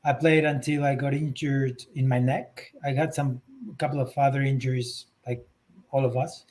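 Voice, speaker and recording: A man from Argentina, a guest in a casual interview on a video call, speaking in a measured way with frequent pauses. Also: mid-range voice, level tone, a little mellow, poor audio. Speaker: guest, rugby club executive.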